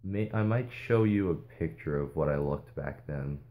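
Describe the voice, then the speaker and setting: A vlogger speaking to viewers in a casual, earnest way, hesitating often and restarting sentences. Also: male voice, extremely low pitch, normal speed, phone-quality sound. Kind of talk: casual advice vlog.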